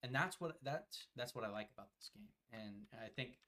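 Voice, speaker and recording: A young man co-hosts a podcast, talking casually about a video game while he plays it. His mid-range voice is bright and forceful with lively intonation at a moderate pace, and he rambles with plenty of fillers and swearing.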